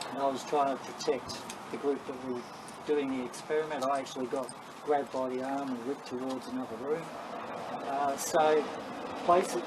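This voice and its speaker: An Australian man giving a casual, rambling, matter-of-fact talk to a group as a paranormal investigator, telling anecdotes. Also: mid-range voice. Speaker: paranormal investigator leading a session. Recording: clearly noisy live ambient recording.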